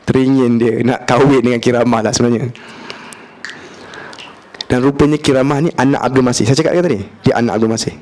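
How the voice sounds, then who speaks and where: Lively Malaysian preacher telling a story. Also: male voice, medium pitch, fairly quick, pauses often. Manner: lively, humorous, acts out dialogue; colloquial, mixes in English words. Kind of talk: religious lecture storytelling.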